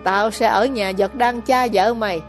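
A woman voicing a greedy, hot-tempered older village mother who scolds loudly and harshly in a storybook reading. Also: fairly high pitch, steady tone, moderate pace, faint music behind, lightly acted. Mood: gloating.

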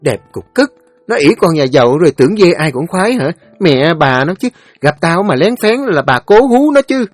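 A man voicing a foul-mouthed, shrill teenage village girl who screeches curses and fast threats. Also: sing-song, no echo, soft background music. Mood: furious.

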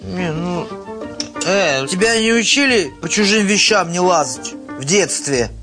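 An actor playing a scruffy, defensive, hungover plumber in a crime drama, grumbling and hesitant. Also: male voice, high-pitched, expressive, a little slow, music in the background. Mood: defensive, groggy. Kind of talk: screen crime drama acting.

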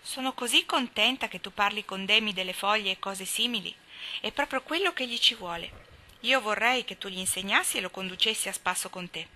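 A kindly, motherly schoolmistress , read aloud by a woman in a storybook. She speaks with gentle encouragement in a very bright voice. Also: mid-range voice, lively intonation, brisk. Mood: reassuring. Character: warm, trusting woman running a boys' school.

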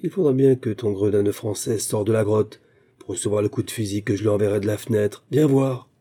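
A man's voice: on the low side, brisk, natural voice. A man voicing a jealous, furious young customs guard who sneers and threatens in a read-aloud story. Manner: sneering, menacing, loud.

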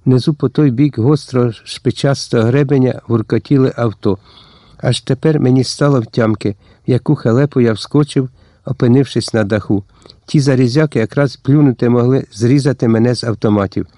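Dark-voiced male audiobook narrator. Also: medium pitch, normal speed, no echo, studio quality. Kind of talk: scripted first-person narration.

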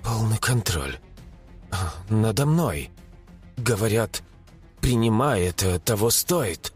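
A man voicing an anxious young woman with psychic powers, who gives hurried, nervous reports. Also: on the low side, lively intonation, soft background music, voice pushed down. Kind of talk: audiobook character voice.

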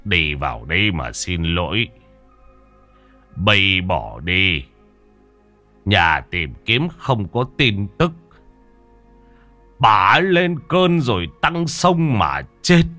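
Man doing a gruff old patriarch, slow and sharp-toned, lively swings in pitch, dry close sound, for a spoken ghost story. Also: soft background music, exaggerated voice. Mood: scolding. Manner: gruff, scolding, commanding. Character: stern old grandfather, wealthy household head.

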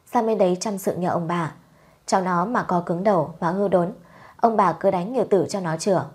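A woman voicing a gruff poor old father. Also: lowish voice, moderate pace. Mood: pleading. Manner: scolding, gruff. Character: harsh stern poor old father, older man.

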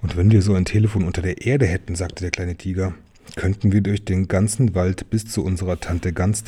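A man with a low, mellow, husky voice reads a children's picture book aloud. He keeps it gentle and unhurried, and now and then he adds a small aside to whoever is listening. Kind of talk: reading a children's story aloud.

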